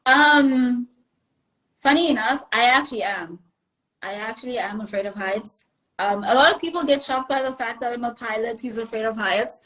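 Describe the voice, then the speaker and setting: A woman's voice: on the high side, moderate pace, a bit bright, rough recording. A young woman, a pilot, answering interview questions over a video call in a chatty, step-by-step way. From South Africa. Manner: chatty, apologetic, laughs easily, explains step by step.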